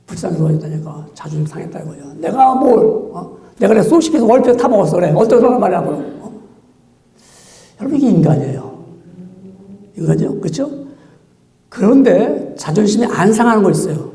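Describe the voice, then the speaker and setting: A man preaching as a pastor, acting out quoted exchanges in an animated way. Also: high-pitched, a little fast, echoey room. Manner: animated, acts out quoted dialogue. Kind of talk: sermon.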